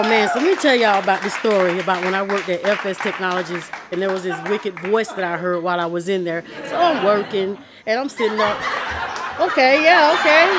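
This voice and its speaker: A woman performing stand-up in a comedy club, bantering with the crowd and laughing between lines. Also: mid-range voice. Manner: banters with the crowd, piles up "okay, yeah" fillers and laughs. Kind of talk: stand-up routine with crowd work. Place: comedy club stage with a live audience. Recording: very loud crowd and club noise.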